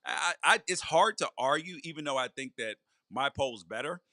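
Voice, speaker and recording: A man's voice: fairly high pitch, lively intonation, normal speed, bright, forceful tone, dry recording, studio quality. A man co-hosting a college football podcast, casually dismissive and repeating himself as he argues. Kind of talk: casual sports debate.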